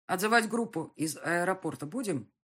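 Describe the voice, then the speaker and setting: A woman's voice: on the low side, expressive, normal speed, a bit bright, slightly rough. A woman voicing a younger male detective who asks eager questions.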